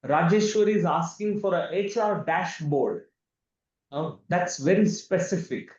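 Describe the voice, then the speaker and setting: A man in his thirties from India, with a high, animated, darkish voice, speaks a little slowly while presenting a live online demonstration over a video call. He is an enthusiastic webinar presenter who repeats words often, heard in an echoey room with dull, lo-fi sound.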